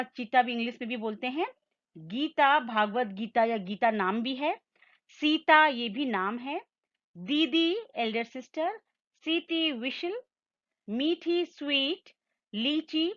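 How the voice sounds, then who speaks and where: A woman teacher giving a Hindi lesson, slowly sounding out each word and explaining its meaning. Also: on the high side, dull audio. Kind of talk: slow classroom lesson with call-and-repeat.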